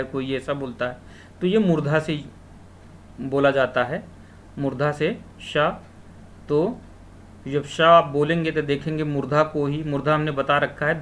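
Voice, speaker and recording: Male tutor, slightly high voice, patient drilling of exam answers, faint hiss behind. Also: fairly bright tone. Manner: asks questions then answers them himself, drawn-out syllables. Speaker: teacher. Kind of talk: exam-prep lecture solving questions.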